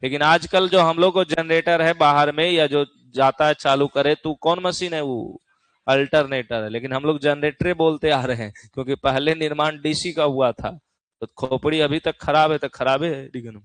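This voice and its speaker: A man's voice: fairly high pitch, normal speed, a bit bright, no room sound. A male physics teacher, lecturing a class in a chatty way, teasing students and often checking that they follow. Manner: keeps asking the class "theek hai na?".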